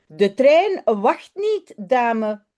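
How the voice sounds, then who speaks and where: Woman reading as a bossy little boy, high lively voice, slow, storybook. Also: heavily acted. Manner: bossy, insistent. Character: boastful little boy playing stationmaster.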